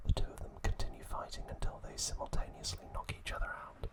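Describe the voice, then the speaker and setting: In a soft whisper, a male ASMR host goes over a recap slowly and quietly, pausing deliberately.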